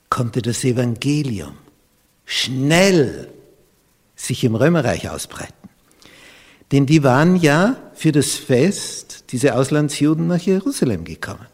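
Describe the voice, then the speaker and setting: A man with an Austrian accent preaching a sermon as pastor, swinging from loud emphatic peaks down to hushed near-whispers. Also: medium pitch, sing-song, slow pace, pauses often, breathy edge, big-room sound.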